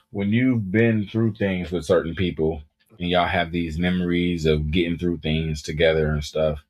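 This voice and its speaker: Deep husky man in his thirties. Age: 30s. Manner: animated, repeats words while gathering thoughts. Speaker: podcast co-host. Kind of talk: casual podcast chat.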